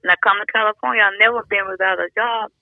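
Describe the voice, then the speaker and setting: A woman's voice: medium pitch, fairly even intonation, fast, creaky, dry recording, phone-quality sound. A woman, chatting plainly as a guest and giving short, blunt answers. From Alabama. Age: 80s. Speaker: guest, the host's grandmother. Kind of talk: casual family chat.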